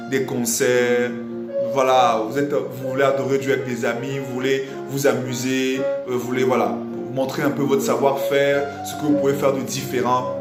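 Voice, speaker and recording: A man from Congo teaching a singing lesson, explaining with lively repetition and breaking into sung examples. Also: mid-range voice, roomy sound. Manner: animated, repeats phrases while explaining. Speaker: vocal coach.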